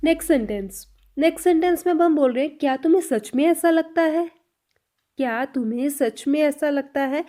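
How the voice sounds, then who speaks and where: A woman teaching a spoken language lesson, saying each example sentence slowly and repeating it. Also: sits high, dark tone.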